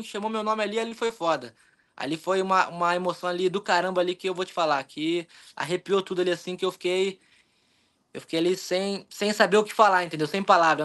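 A young man with a Brazilian Portuguese accent, telling his story in an animated, rambling way in a casual interview, acting out his own thoughts. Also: high voice. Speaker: jiu-jitsu athlete, interview guest.

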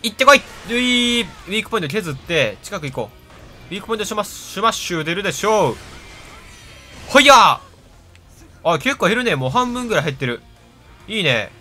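A man with a Kansai accent casually commenting on his own gameplay, chatty and self-mocking, with loud reactions to the game. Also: on the high side. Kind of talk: casual let's-play commentary. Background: game music.

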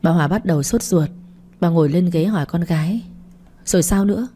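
A woman narrates an audiobook in a calm, measured way. Her voice sits low and sounds mellow and relaxed. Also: husky.

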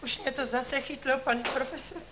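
A man's voice: very high voice, fairly even intonation. A young student stammers and begs in a whiny, pleading voice, pretending his nerves are failing. The old 1939 soundtrack carries a light hiss. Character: young male student faking a nervous fit.

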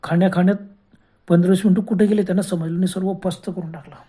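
A woman's voice: lowish voice, steady tone, fast, warm tone, husky. A woman narrating a horror story with a dramatic, repetitive telling.

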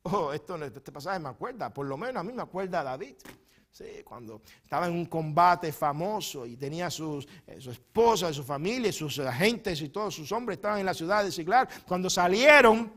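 A man preaching a sermon as pastor in a church, moving between quiet teaching asides and loud, fervent bursts, often stumbling and repeating words. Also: lively intonation, normal speed. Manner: swings from soft, low teaching asides to loud, high impassioned preaching.

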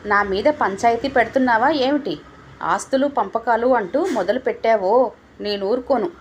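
A woman voicing a suspicious, sharp-tongued old father who taunts his family, in a storybook reading. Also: fairly high pitch, normal speed, slight background noise, lightly acted. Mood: bitter taunting. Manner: scolding, taunting.

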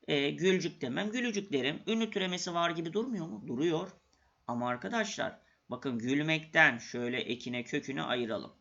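A man gives an exam-prep grammar lesson in a bright, forceful, slightly high voice with a creaky edge. He keeps asking questions and answering them himself, hammering the points home repeatedly, and the recording sounds slightly dull and lo-fi.

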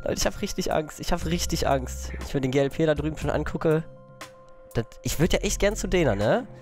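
A young man giving nervous, excitable Let's Play commentary, breaking into panicked yelps. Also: fairly high pitch, a little fast, faint music behind. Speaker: gaming YouTuber.

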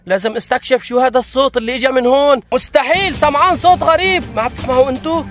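A man playing a father in a family skit, talking in excited, exclamatory bursts and constantly urging haste. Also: very high-pitched, very fast. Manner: breathless, exclamatory, keeps urging speed. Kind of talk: excited acted vlog narration.

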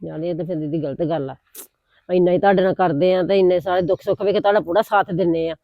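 A woman plays a persistent Punjabi village neighbour, aggrieved and complaining at a very fast clip. The sound is dull and dry. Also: fairly low pitch, steady tone, vocal fry, dry recording. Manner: rapid complaining. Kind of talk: village drama acting.

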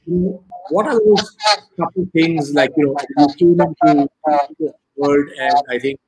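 A man's voice: a little high, measured pace, mellow, breathy edge, low-quality recording. A man interviewing a guest on a video call, steering with hesitant questions full of fillers. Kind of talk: casual conversation on a video call. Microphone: video call webcam.

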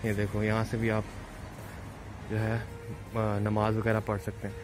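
A man's voice: fairly low pitch, monotone, unhurried. A man from Pakistan casually narrating a walking tour of a large mosque, slipping English phrases into his talk, speaking from behind a handheld camera. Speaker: vlogger. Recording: music playing behind.

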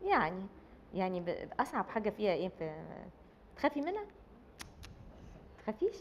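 A woman's voice: mid-range voice, big pitch swings, a little fast, lo-fi sound, a little hiss or hum. A woman with an Egyptian accent hosting a TV talk show and asking her guests questions in a chatty way.

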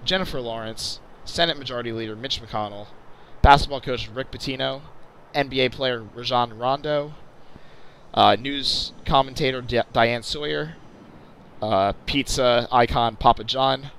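A man's voice: mid-range voice, normal speed, a bit bright, a little hiss or hum. A man giving casual, chatty commentary over flight-sim gameplay, stumbling and correcting himself with jokey asides. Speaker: channel host.

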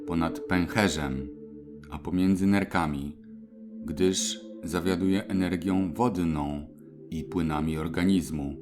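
Slow deep-voiced man narrating over music. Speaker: meditation teacher. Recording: music clearly behind voice.

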